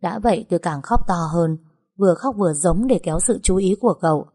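A woman narrating a first-person story in a steady, even way. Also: fairly low pitch, fairly quick, breathy edge.

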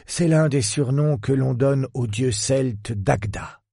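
A man voicing an enigmatic old millionaire lord in his eighties, with a grave, sepulchral, husky voice and a slow, solemn way of talking. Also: medium pitch, mellow, no room sound, voice pushed up, exaggerated voice. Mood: grave, mysterious. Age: 80s. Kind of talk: audiobook character voice.

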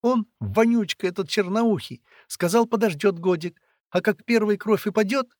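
A man reading aloud and voicing a spirited, bossy little girl who chatters in hushed, urgent tones. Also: on the high side, expressive, moderate pace, husky, no echo, studio quality, voice pushed up. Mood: tearful.

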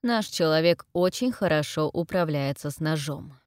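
A woman voicing a menacing aristocratic male cult leader in an audiobook, speaking slowly and coldly with commanding weight. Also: sits low, lively intonation, darkish tone, no echo, clean studio sound. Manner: slow, cold and commanding. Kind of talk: audiobook character voice.

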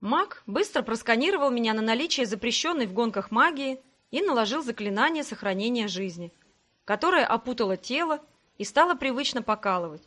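Lady reading an audiobook, kinda high voice, steady storytelling. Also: a little fast. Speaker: audiobook narrator. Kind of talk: first-person audiobook narration.

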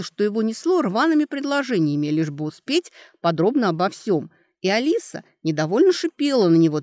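Expressive woman reading an audiobook. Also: medium pitch, no room sound, clean studio sound. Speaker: audiobook narrator. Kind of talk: scripted audiobook narration.

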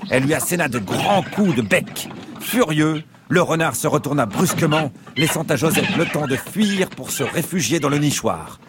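Expressive male storyteller. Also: fairly high pitch, heavy background noise. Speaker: narrator. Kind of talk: children's bedtime story narration.

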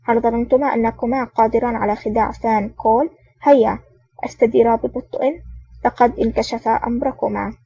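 A woman's voice: on the high side, fairly even intonation, brisk, creaky, dark tone, slightly rough, no room sound. A woman reading the lines of an arrogant, threatening male gang boss in an audiobook. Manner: barking, threatening. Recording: dull lo-fi audio.

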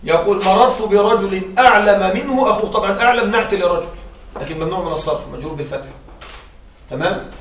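A man teaching an Arabic grammar lesson who explains step by step, repeats his examples and keeps checking with quick rhetorical questions. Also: high voice, a bit bright, reverberant, distant mic.

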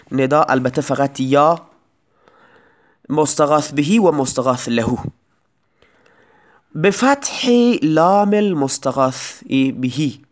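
A middle-aged man teaching grammar in a recorded lecture, explaining step by step and repeating example phrases slowly. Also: fairly high pitch. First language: Persian.

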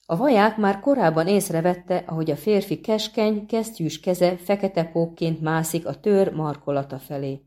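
A woman narrating an audiobook in a calm, measured reading. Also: on the low side. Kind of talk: scripted narration.

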